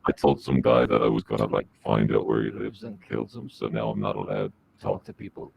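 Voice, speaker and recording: A man speaking through a disguised deep voice as a podcast guest, giving rambling, halting answers. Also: big pitch swings, creaky, muffled recording, slight background noise. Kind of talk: comic podcast interview.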